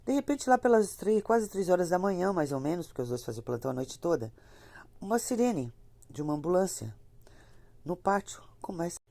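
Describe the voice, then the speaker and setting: Lady with a bit of a cold, low voice, chatting through a spooky tale. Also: warm tone, no room sound. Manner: chatty, repeats herself, talks to listeners directly. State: has a cold, slightly congested. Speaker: storyteller of ghost stories. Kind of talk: casual spoken horror storytelling.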